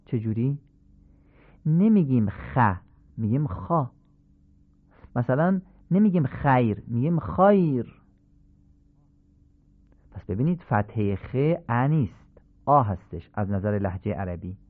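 Male teacher, lively up-and-down delivery, patient and repetitive, tinny phone-quality sound. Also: mid-range voice. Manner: patient, drills examples one by one with repetition. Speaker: Quran recitation teacher. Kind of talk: classroom lesson.

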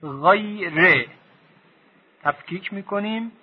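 A man teaching Quranic reading, drawing out each syllable slowly for the listener to repeat. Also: sits high, animated, breathy edge, phone-quality sound. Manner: slow, drawn-out syllables for repetition. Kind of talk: Quran recitation lesson.

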